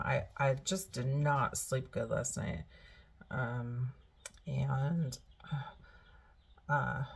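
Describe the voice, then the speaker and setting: Husky low-voiced middle-aged woman. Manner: earnest, rambling with restarts. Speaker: prepper vlogger. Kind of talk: casual storytelling to camera.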